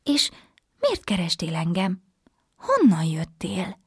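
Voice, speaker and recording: A timid little kindergarten girl from a bedtime storybook, as a woman reads her part, speaking in a small, hesitant voice pushed up high above the narration. The tone is breathy, and the close, dry sound has no room around it. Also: huge pitch swings, dry recording, full character voice. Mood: wondering. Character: shy little kindergarten girl who misses her mother.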